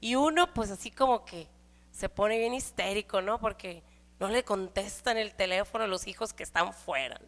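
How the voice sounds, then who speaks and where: A woman's voice: medium pitch, moderate pace, a bit bright. A middle-aged woman with a Mexican Spanish accent, giving a conversational sermon in church with frequent rhetorical questions. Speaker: church speaker. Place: church hall. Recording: hall reverb.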